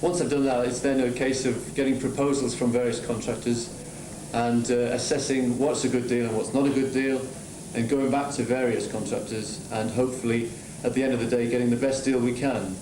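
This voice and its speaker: A man explains his army job in plain, informal terms. His voice is average in pitch, recorded with plenty of echo and noticeable background noise. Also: flat delivery, a little fast. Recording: echoey, noisy location sound.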